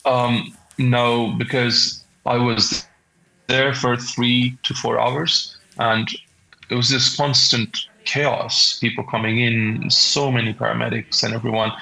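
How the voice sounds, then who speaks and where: A man in his twenties with a Pakistani accent, giving a shaken, halting eyewitness account in an interview. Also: medium pitch, gravelly, bright, forceful tone, poor audio. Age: 20s. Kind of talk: interview account of a traumatic event.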